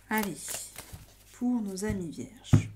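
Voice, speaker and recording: A woman's voice: medium pitch, noisy background. A woman giving a casual tarot reading to her viewers, talking in a hesitant, meandering way full of fillers and restarts. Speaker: tarot reader.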